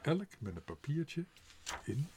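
A man narrating a children's storybook in an expressive, animated way. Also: fairly high pitch, takes it slowly, noisy background. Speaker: audiobook narrator.

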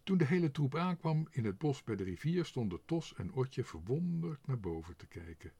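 Husky, expressive male storyteller. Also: medium pitch, normal speed. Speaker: audiobook narrator. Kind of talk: children's storybook reading.

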